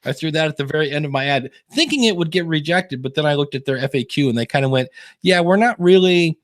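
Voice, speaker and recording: A man's voice: a little high, animated, fast, a bit bright, no room sound, studio quality. A man on a podcast panel, telling a story with wry sarcasm in casual chat.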